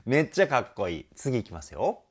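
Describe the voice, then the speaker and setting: A man's voice: medium pitch, sing-song, fairly quick. A male vocal trainer hosting his channel, enthusiastically explaining singing technique while reacting to a music video. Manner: enthusiastic, explanatory, sings short demo phrases. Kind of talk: reaction and vocal analysis commentary.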